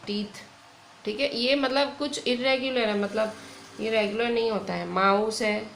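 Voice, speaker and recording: Indian woman teacher, slow and gravelly, echoey room: patient lesson delivery. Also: a little high, steady tone, fairly bright tone, a little hiss or hum. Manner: slow, patient explaining with frequent "theek hai". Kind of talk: online grammar lesson. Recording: echoey room with faint ambience.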